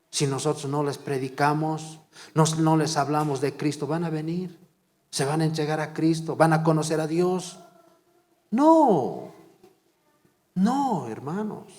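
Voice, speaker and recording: A man's voice: fairly high pitch, a little mellow, in a large hall. A man preaching a sermon as pastor, fervent and repetitive, asking the congregation question after question. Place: church.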